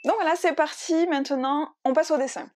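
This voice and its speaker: Chatty woman vlogging about books, a bit high-pitched, rambles and restarts and laughs a lot. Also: fairly quick, music in the background. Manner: bubbly, rambling, self-correcting, laughs often. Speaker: book and art vlogger. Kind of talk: casual chat to camera.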